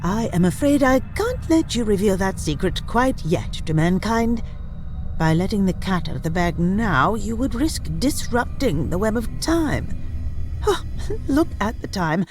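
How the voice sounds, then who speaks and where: A woman's voice: mid-range voice, very animated, measured pace, darkish tone, faint music behind. A woman playing a breezy, eccentric time-travelling Doctor in an audio drama, with an arch, theatrical manner. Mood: playfully mocking. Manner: theatrical, playfully arch, formal wording.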